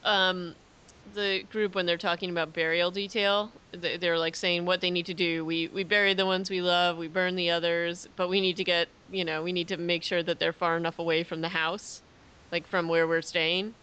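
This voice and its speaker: Female podcast co-host, slightly low bright voice, easy agreeable chat. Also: flat delivery, normal speed, clean tone. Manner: agreeable, brief backchannels and easy recaps. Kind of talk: casual chat.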